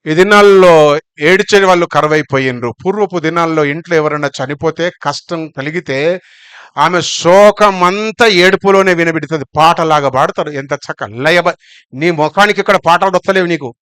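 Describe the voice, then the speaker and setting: A middle-aged male pastor, preaching bluntly and scolding, swinging between loud calls and low asides. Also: normal speed, clear, resonant tone, no echo. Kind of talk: sermon.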